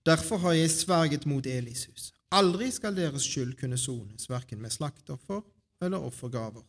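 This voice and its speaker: A man reading the words of the Lord in a solemn, measured way during a Bible reading. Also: mid-range voice, expressive. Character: the Lord, solemn divine voice of judgment.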